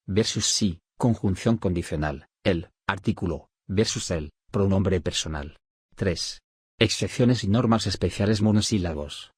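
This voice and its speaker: A man reading spelling rules aloud as a scripted study audiobook, in a measured, list-like dictation with pauses. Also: lowish voice, darkish tone, breathy edge, no room sound, studio quality. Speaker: audiobook narrator of a study syllabus.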